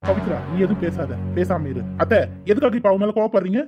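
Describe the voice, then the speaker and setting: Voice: medium pitch, animated, fairly quick, natural voice. Voice actor as a defiant young cartoon son. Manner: protesting, argumentative. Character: young man, defiant son standing his ground. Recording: dull lo-fi audio with faint music.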